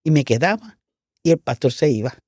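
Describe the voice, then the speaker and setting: A woman's voice: low-pitched, lively intonation, fairly quick, dark tone, dry recording, studio quality. A woman pastor giving her testimony in an interview, telling her story with feeling and acting out the dialogue she quotes.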